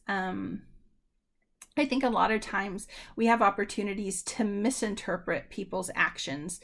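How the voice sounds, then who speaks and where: A woman lecturer talks her students through the material in a loose, conversational way, pausing on ums and restarting sentences. Her voice has a gravelly edge and sits at an ordinary middle pitch. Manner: addresses students directly. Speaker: university lecturer. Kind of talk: recorded lecture.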